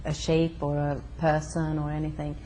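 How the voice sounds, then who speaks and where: A young woman from Sweden, interviewed in her home, speaking hesitantly with many fillers and pauses. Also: deep voice, completely flat delivery, mellow, slight background noise, low-quality recording. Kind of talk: casual conversation.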